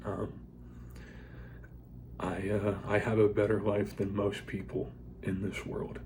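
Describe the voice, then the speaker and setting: An American man in a casual, confessional vlog, talking haltingly and in a subdued way with a dental retainer in his mouth. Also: fairly low pitch, little pitch movement, darkish tone, slight background noise. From United States. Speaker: vlogger.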